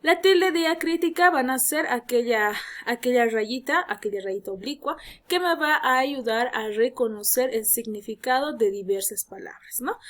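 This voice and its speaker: A woman teacher, giving a recorded grammar lesson, explaining patiently, repeating key points and speaking to her students with rhetorical questions. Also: fairly high pitch.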